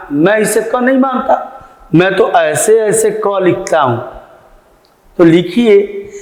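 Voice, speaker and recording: A man teaching Hindi grammar, repeating each word slowly to show its correct pronunciation. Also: high-pitched. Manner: slow, deliberate, repeats words to correct pronunciation. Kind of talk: classroom lecture. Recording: echoey, roomy with long reverb.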